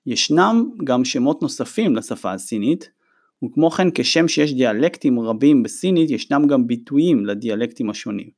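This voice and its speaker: A man teaching a recorded vocabulary lesson. He says each new word slowly, gives its meaning, and says it again. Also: medium pitch, animated, a little mellow. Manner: reads each word slowly, then translates and repeats it. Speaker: language teacher.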